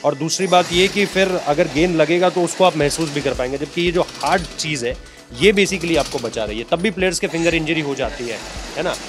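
A man in his thirties guiding viewers through a small workshop, talking into a handheld mic. He keeps restarting his sentences as he explains, in a fairly high voice. Music plays underneath. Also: fairly quick. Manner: explains at length with many restarts. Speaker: video host. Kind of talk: explanatory walk-through interview.

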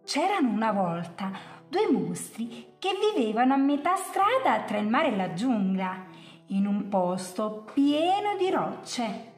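A woman teacher reading a storybook aloud to children, slow and expressive. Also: fairly high pitch, echoey room, soft background music.

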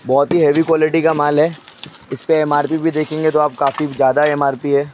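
Guy touring his wholesale storeroom on his phone, kinda high monotone voice, faint background hum, rattling off prices. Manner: brisk salesman listing items and prices, directing a helper. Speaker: wholesale shop owner showing stock. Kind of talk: walk-through product showcase. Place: crowded indoor wholesale storeroom.

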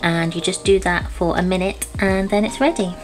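A young woman from the United Kingdom talking casually through a cooking vlog in her home kitchen, relaxed and chatty, with filler words as she goes. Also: on the low side, moderate pace, loud music behind the voice. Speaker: vlogger. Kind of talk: casual cook-along vlog.

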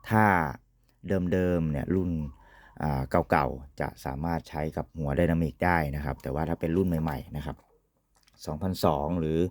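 A man's voice: a bass voice, normal speed, a little mellow, no room sound. A man giving an informal, polite product demonstration as an equipment reviewer, often ending phrases with courtesy particles.

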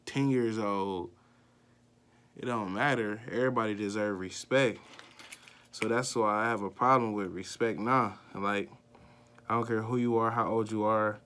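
A young man with a fairly low voice tells a personal story straight to the camera. His delivery is casual and profane, full of fillers. He gets higher and louder as the story heats up. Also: clear, resonant tone. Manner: loose and profane, with many fillers; voice climbs higher and louder when worked up. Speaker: vlogger.

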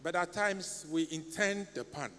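A middle-aged Ghanaian lay preacher with a high voice and Ghanaian English accent delivers a sermon at a measured pace, earnest and pleading, gesturing animatedly. He speaks into a stand mic at the pulpit of a church sanctuary. The recording carries long church reverb and a faint hum.

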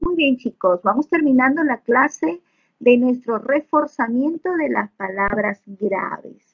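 A woman's voice: on the high side, animated, unhurried, gravelly, narrow, tinny audio. A woman teaching young children a spelling lesson over slides, patient and encouraging, checking often that they follow. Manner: addresses pupils as little children. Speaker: primary school teacher.

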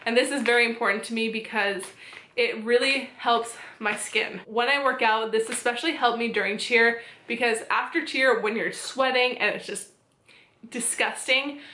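Upbeat young woman chatting to her camera, bright slightly high voice, echoey little bedroom. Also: steady tone, normal speed. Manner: chatty, upbeat, showing items one by one. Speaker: fitness vlogger. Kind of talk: casual chat. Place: small bedroom indoors.

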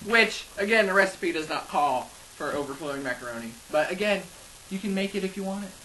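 A man's voice: high voice, expressive, a little fast, sharp tone, a little hiss or hum, low-quality recording. A teenage boy goofing around while hosting a homemade cooking video, joking and giggling, recorded on a laptop webcam in a home kitchen. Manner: giggly and joking, often breaking into laughter. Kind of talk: goofy casual chat. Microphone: laptop webcam mic.

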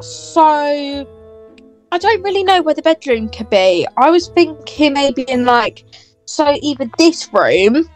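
A woman's voice: high voice, very animated, slow, exaggerated voice. A woman playing a bossy, snobby young woman. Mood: haughty. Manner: bossy, dismissive, self-satisfied. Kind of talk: game role-play voice acting. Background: faint music.

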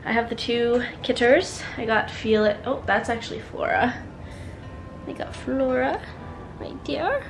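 A woman's voice: on the high side, a little slow, creaky, faint music behind. A woman vlogging casually at home, chatty and full of "like" fillers. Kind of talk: casual vlog narration. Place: at home indoors.

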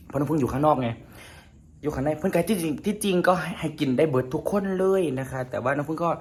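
Chatty man with an Isan accent. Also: medium pitch. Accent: Isan (northeastern Thai). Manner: chatty, rambling, keeps addressing viewers as friends. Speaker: vlogger. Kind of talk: casual vlog chat to viewers.

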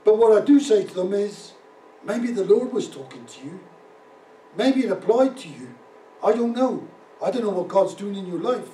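A middle-aged male pastor preaches with a high, mellow voice, building emphasis as he speaks. He stands some way from the microphone, and the room lends a noticeable echo. A faint hiss sits underneath. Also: lively intonation, normal speed, recorded from a distance. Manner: preaching with rising emphasis, ad-libbing. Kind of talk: sermon. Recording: roomy echo, speaker away from the mic.

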